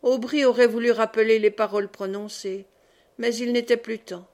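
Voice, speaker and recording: A woman reading a novel aloud as an audiobook narrator, in a steady, measured way. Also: on the high side. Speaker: audiobook reader.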